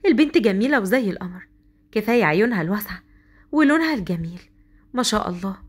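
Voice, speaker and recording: A woman's voice: mid-range voice, expressive, fast talker, husky. A woman voicing a chatty visiting aunt, gushing with praise.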